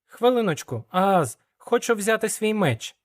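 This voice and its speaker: A man's voice: high voice, sing-song, measured pace, voice pushed up. A man voicing a curious young male apprentice wizard in an audiobook, with an eager, questioning manner and a raised voice.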